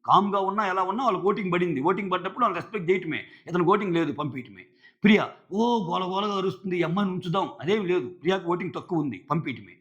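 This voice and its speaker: A man's voice: high voice, expressive, rapid-fire, a bit bright, dull audio. A man giving casual video commentary on a reality show, talking in a conversational way and acting out the lines he quotes.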